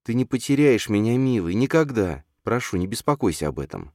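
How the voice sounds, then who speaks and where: A man voicing a gentle mother who calms and reassures her young son, in an audiobook read aloud. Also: on the low side, brisk, no echo, clean studio sound, pitched above the performer's own voice. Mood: reassuring. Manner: tender and reassuring.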